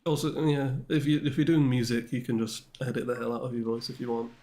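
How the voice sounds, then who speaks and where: A man's voice: medium pitch, level tone, fast, darkish tone. A male streamer in casual livestream chat with his viewers, rambling and self-deprecating as he answers the chat.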